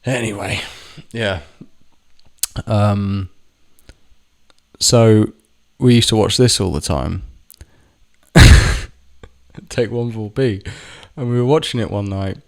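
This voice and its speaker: A man's voice: on the low side, takes it slowly, creaky, long pauses. A man telling a rambling, sweary personal story to camera, often stopping to correct himself. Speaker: vlogger. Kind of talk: casual storytelling monologue.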